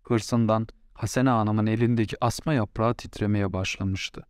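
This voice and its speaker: A man narrates an audiobook story at a measured, unhurried pace. His voice is on the low side, and the recording is dry and close-miked. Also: steady tone, clean tone, dry recording.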